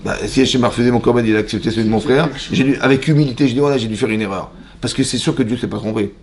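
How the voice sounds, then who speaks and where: A man with a French accent, a rabbi giving a lively Torah class in a synagogue. He reads out Hebrew verses, explains them and keeps asking his listeners questions. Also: medium pitch, racing, vocal fry. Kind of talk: animated Torah lesson to a mixed class. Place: synagogue hall.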